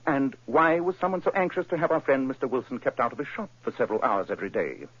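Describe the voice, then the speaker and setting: An actor playing Sherlock Holmes as a sharp, commanding detective, in crisp 1940s radio style. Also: male voice, mid-range voice. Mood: explaining. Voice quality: crisp, authoritative, brisk. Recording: muffled old radio broadcast.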